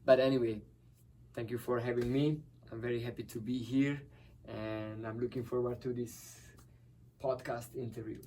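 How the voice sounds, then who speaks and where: A man's voice: medium pitch, steady tone, moderate pace, dark tone, slight background noise. A middle-aged man from Hungary, a guest musician telling stories cheerfully and laughing often. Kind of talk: conversational interview. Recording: distant from the mic.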